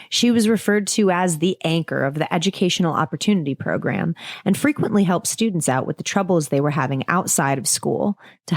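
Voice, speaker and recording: A woman's voice: lowish voice, no echo, clean studio sound. A woman podcast co-host telling a true-crime story in a casual way, mixing scripted reading with jokey asides.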